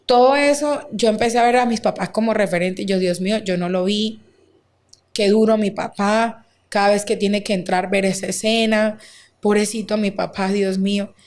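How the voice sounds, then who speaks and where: A woman, a guest recounting a deeply painful personal story, acting out quoted dialogue with many fillers. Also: steady tone, normal speed, darkish tone. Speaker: interview guest. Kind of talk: emotional personal testimony.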